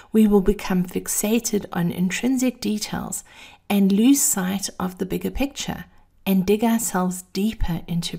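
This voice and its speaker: Theatrical lady doing a motivational monologue, lots of vocal fry, mellow, says it all very deliberately. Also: medium pitch. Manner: theatrical, addressing listeners as darlings. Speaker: host of a daily encouragement series.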